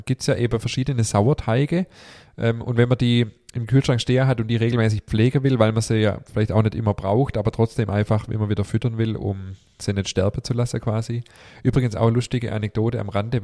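Warm and lowish, the man's voice carries a slight stuffiness from the cold he's fighting. As a podcast host in relaxed conversation, he rambles and keeps restarting, leaning on fillers.

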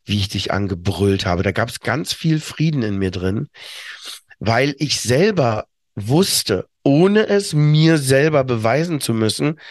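A middle-aged man talks through a personal story in a relaxed podcast chat, reflective and halting, with many fillers and restarts. His voice sits at an average pitch, and the recording is dry and close to the mic. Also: no echo. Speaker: podcast co-host. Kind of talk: casual chat.

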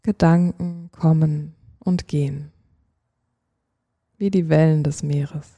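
A sleep-story narrator with a very dark, soft-edged voice leads a guided relaxation. The delivery is slow and soothing, with long pauses between short phrases. The pitch stays even and settles into a gentle creak. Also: no room sound.

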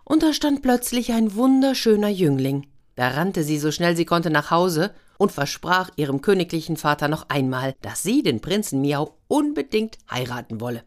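Low-voiced woman telling a fairy tale. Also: normal speed, hardly any pauses. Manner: gentle, expressive storytelling, brief voices for figures. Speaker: storyteller.

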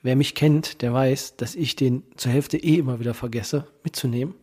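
Nasal, stuffed-up male podcast host, mellow voice. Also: medium pitch. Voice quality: nasal, congested from a cold. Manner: hesitant, halting delivery with many ehs and ums. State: has a cold. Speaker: podcast host, legal guardianship professional. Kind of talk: informal podcast monologue.

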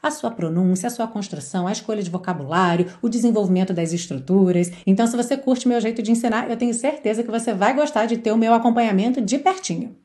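A woman teaching English pronunciation, singing lyric lines slowly and repeating single words in a drawn-out way. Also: fairly high pitch, dark tone. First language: Portuguese.

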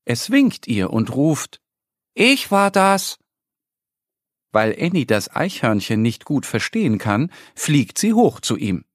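A man narrating a children's story in a gentle, expressive storytelling voice. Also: mid-range voice, measured pace, few pauses, no room sound, studio quality.

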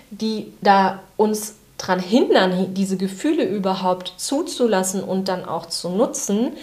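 A woman coach giving a calm, explanatory live talk, speaking directly to the viewer. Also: medium pitch.

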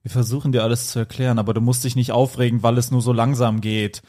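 A man voicing an 85-year-old wizard with a walker, speaking slowly and gruffly in a comedy reading. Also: mid-range voice, level tone, warm tone, voice pushed down, lightly acted. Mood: apologetic. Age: over 80 (figure).

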